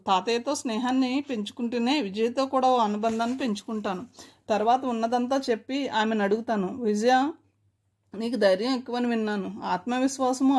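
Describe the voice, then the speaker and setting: A woman's voice: a little high, a little mellow, natural voice. A woman voicing an earnest, hopeful young man in love in a read-aloud story.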